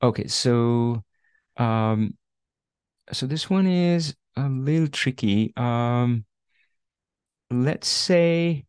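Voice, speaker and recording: A man runs an online coaching session in a loose, casual way, leaning on fillers and checking in with "right?" as he goes. His voice sits at an ordinary middle pitch. The sound is dry and close, with no room echo. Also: very slow, long pauses, darkish tone, clear, resonant tone. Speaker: career coach. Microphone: video call.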